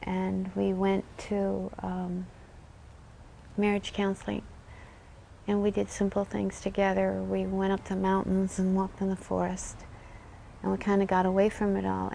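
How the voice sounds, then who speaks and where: A woman recounting her marriage after loss in a documentary interview, quiet and reflective. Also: mid-range voice, creaky, a little hiss or hum, low-quality recording. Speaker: bereaved mother.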